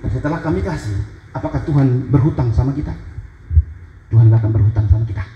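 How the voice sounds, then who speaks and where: A man's voice: medium pitch, quick pace, dull audio. A male pastor preaching a sermon, emphatic and repetitive, speaking straight to his congregation. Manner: emphatic preaching, repeats key phrases, addresses congregation directly. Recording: echoey hall with noise.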